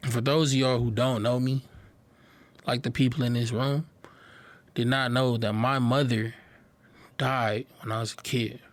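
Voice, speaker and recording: A young man giving a personal testimony to a live audience, earnest and halting, often repeating words as he speaks. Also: medium pitch, little pitch movement, no room sound.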